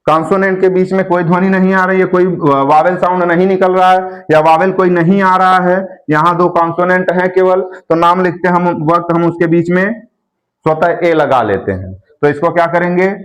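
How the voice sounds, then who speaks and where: A man's voice: high voice, fairly even intonation, normal speed. A man teaching a lesson, explaining step by step and drawing out and repeating syllables. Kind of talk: classroom lesson.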